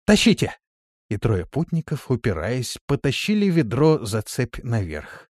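A man narrating an audiobook in an expressive, steady storytelling manner. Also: medium pitch, a little slow, no room sound, clean studio sound. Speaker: audiobook reader. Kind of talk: scripted narration.

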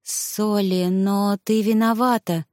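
A woman voicing an eager, timid young female friend who talks in a bright, gushing way. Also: medium pitch, expressive, a little slow, dry recording, studio quality, close to an everyday voice.

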